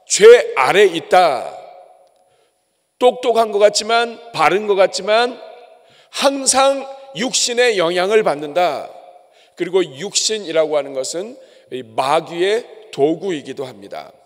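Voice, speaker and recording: A man preaching a sermon as pastor, emphatic and conversational, addressing his congregation. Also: high-pitched. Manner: emphatic preaching with acted asides. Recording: long hall reverb.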